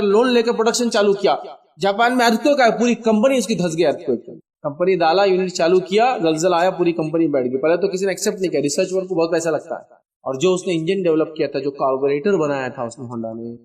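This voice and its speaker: A man's voice: fairly high pitch, darkish tone. Male lecturer, emphatic and urging, recorded at some distance from the mic. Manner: emphatic, exhorting, mixes English words into Urdu. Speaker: religious lecturer. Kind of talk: motivational lecture.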